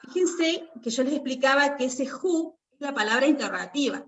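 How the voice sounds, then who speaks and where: Woman teacher, high voice, unhurried, sounds far from the mic. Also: animated, fairly bright tone. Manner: patient, repeats checks like "¿sí?" and "¿está?". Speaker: English teacher. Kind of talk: online class explanation.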